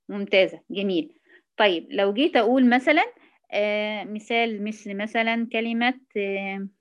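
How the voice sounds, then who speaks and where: A woman with an Egyptian accent teaching Quran recitation rules, patiently quizzing and praising her students. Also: medium pitch. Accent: Egyptian Arabic. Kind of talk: online tajweed lesson.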